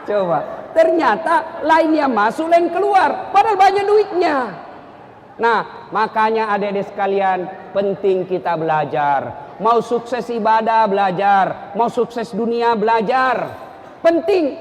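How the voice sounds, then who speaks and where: Man, preacher, humorous sermon, very high voice, acts out characters, long reverb. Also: big pitch swings, slow, a little hiss or hum.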